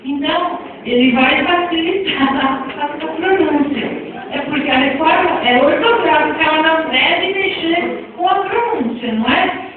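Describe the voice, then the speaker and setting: A woman's voice: sits high, measured pace. A woman with a Brazilian accent teaching a spelling lesson to a class, chatty and often asking the audience questions. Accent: Brazilian Portuguese. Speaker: teacher giving a talk on spelling reform. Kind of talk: classroom lecture. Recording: echoey, far from mic, phone-like sound.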